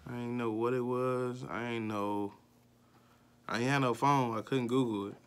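A young man vlogging, telling a personal story in a loose, profane, filler-heavy way. His voice climbs higher and louder when he gets worked up. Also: fairly even intonation, moderate pace, clear, resonant tone.

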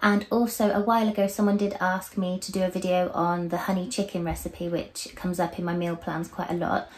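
A young woman from the United Kingdom talking casually through a cooking vlog in her home kitchen, relaxed and chatty, with filler words as she goes. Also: fairly low pitch, a little fast. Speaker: vlogger. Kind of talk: casual cook-along vlog.

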